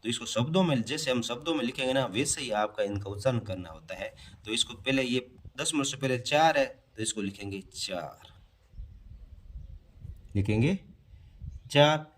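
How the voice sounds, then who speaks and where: A man's voice: mid-range voice, normal speed, long pauses. A man explaining a primary-school math lesson step by step, posing questions and answering them himself. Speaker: math teacher. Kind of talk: classroom-style math lesson explaining on a board.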